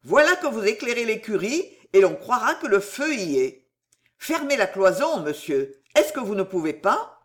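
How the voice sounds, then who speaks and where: A woman doing a brisk, urgent manservant. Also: mid-range voice, very animated, natural voice. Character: shrewd loyal young manservant, brisk.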